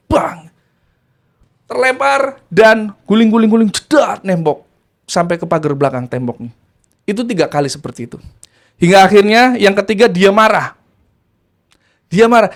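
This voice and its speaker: A man with a notably high voice recounts events in a relaxed, conversational way. His delivery is animated, dropping low and quiet, then rising with excitement. He sounds like a spiritual practitioner sharing his experiences. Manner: animated, swinging between hushed and excited. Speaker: ruqyah practitioner telling of an exorcism. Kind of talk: casual storytelling.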